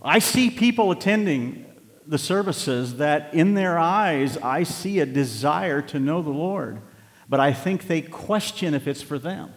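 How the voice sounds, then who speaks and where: Pastor nearly sixty preaching, kinda high voice, long church echo, chatty then really punching it. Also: male voice, expressive, measured pace. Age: 50s. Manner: conversational, building to emphatic exhortation. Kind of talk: sermon. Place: church sanctuary.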